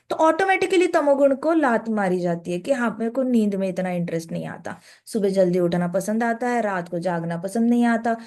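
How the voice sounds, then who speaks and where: A woman speaker delivers a devotional scripture talk in a relaxed, conversational way. She often drops in English phrases between sentences. Her voice sits somewhat high for a woman.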